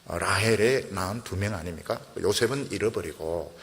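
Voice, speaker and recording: A middle-aged man preaching a sermon, telling the story in a lively way and acting out the quoted dialogue. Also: low voice, moderate pace, gravelly, big-room sound. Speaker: pastor.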